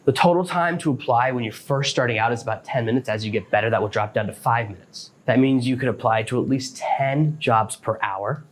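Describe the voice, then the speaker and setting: A man hosts a podcast, a self-employed author giving practical, matter-of-fact advice step by step in a casual monologue. His medium-pitched voice moves briskly with hardly any pauses.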